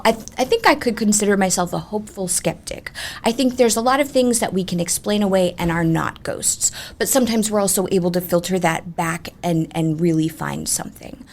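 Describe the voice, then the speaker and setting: A woman ghost tour guide chatting in an animated, emphatic way as she tells ghost stories in an interview. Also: medium pitch. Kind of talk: conversational ghost storytelling.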